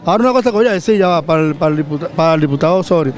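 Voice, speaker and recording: Venezuelan guy, pretty high voice, going on and on about a complaint outdoors in a plaza, handheld mic. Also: lively intonation, racing. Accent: Venezuelan Spanish. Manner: urgent, repetitive complaint. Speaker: cooperative member. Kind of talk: street interview. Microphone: handheld reporter mic.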